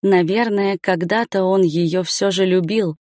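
A woman narrating a story aloud in an even, matter-of-fact reading. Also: mid-range voice, measured pace, dry recording, studio quality. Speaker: audiobook narrator. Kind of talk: scripted narration.

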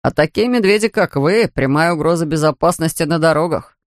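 A man's voice: a little high, fairly quick, no room sound, close to an everyday voice. A man voicing a stern, weary male police officer in an audiobook, with a dry, official manner of speaking. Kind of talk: audiobook character voice.

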